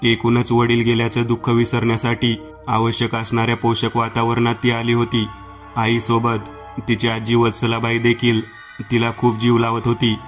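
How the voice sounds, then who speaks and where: A male storyteller narrates a horror tale in a strikingly flat, level voice that hardly rises or falls. His pitch sits in an ordinary middle range, and soft music plays faintly behind him. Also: moderate pace. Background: faint background music.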